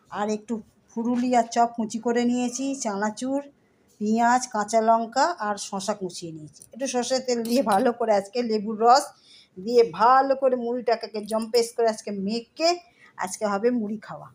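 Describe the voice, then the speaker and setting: Talking into her phone camera in the kitchen, a middle-aged vlogger addresses her viewers like friends in a casual home video. She speaks at a moderate pace in a slightly high voice.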